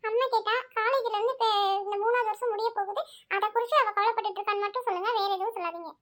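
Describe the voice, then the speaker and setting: A woman acting out a young college girl in a storybook drama, defensive and frank, pleading her case. The voice sits very high and the words tumble out fast and insistent. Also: fairly even intonation.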